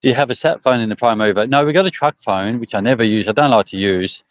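Broad Australian bloke, dull phone sound. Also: male voice, mid-range voice, fast talker, dry recording. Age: middle-aged. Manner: rambling, hesitant, colloquial. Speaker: truck driver livestreaming. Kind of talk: casual live chat answering viewer comments. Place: outdoors on a service station forecourt. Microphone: phone propped at about arm's length. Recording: dull, slightly muffled phone livestream.

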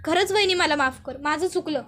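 A woman voicing a remorseful, anxious young college student who pleads and apologizes, in a very high voice. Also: brisk, a bit bright. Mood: pleading.

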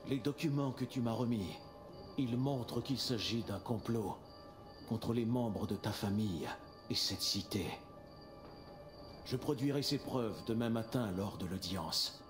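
An actor voicing a middle-aged male city magistrate in French-dubbed video game dialogue, who soothes in private and proclaims verdicts loudly. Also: mid-range voice, a little slow, natural voice. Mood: reassuring. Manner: soothing, then shouting verdicts. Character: male city magistrate, smooth, falsely reassuring. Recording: game audio with loud music.

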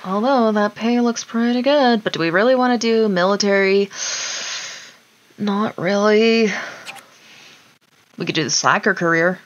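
In a lo-fi recording, a woman gaming streamer offers informal commentary on a life simulation game, talking to herself and the characters. Her medium-pitched voice moves at a measured pace with frequent pauses, and clear background noise and mouse clicks are audible.

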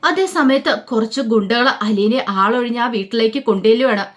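This is a woman narrating a family drama in a relaxed, spoken way. Her voice sits fairly high, and she slips into each character's lines without changing much. The telling feels informal and conversational. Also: moderate pace. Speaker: storyteller. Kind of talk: casual spoken story narration.

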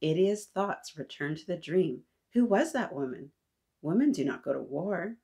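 Dark-toned and husky, this woman's lowish voice is animated and moves at a moderate pace. In her thirties, she hosts a storytime for kids, reading aloud with expression and conversing with her young listeners as if they respond.

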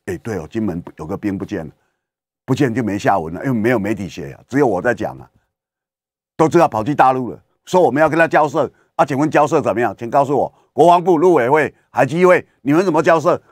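A man's voice: mid-range voice, no echo, studio quality. A male radio talk show host, giving emphatic political commentary full of rhetorical questions. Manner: animated and emphatic, rhetorical questions, acts out quoted voices. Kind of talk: opinionated political commentary monologue. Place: radio studio.

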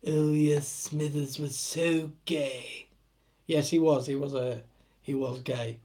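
A man's voice: fairly high pitch, steady tone, slow, mellow. Jokey British man on a live stream. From United Kingdom. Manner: jokey and joshing, laughing often. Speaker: host. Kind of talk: casual live-stream chat.

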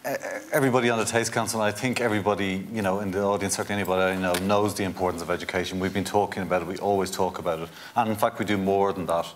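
A man's voice: low voice, steady tone, racing, hardly any pauses, slight background noise. A man, arguing urgently and insistently on a conference panel. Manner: urgent, insistent, stumbles on restarts. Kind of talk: panel discussion. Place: indoor conference stage.

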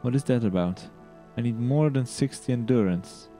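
A man's voice: mid-range voice, normal speed, mellow, faint music behind. A man hosting a video game let's play, chatting casually and rambling, tripping over his words in a giddy, upbeat mood. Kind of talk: casual gameplay commentary.

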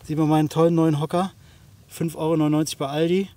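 A camping vlogger at a riverside campsite talks casually and jokingly in colloquial language to the camera and a companion, filming on a handheld smartphone. His voice is a little high, with little pitch movement and a quick pace, and the phone audio carries faint outdoor noise.

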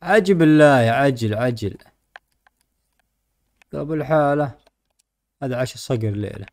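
A man's voice: medium pitch, animated, moderate pace, a little mellow. A man with a Gulf Arabic accent giving informal gameplay commentary, often talking to himself and to the animals in the game. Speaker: gaming video host.

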